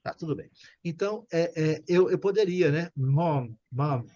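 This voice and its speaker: Um professor de inglês brasileiro dando aula online, paciente, repetindo e conferindo se o aluno entendeu. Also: male voice, high-pitched, normal speed, warm tone, highs cut off. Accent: Brazilian Portuguese. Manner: patient, repeats and checks understanding. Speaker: English teacher. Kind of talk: online English class.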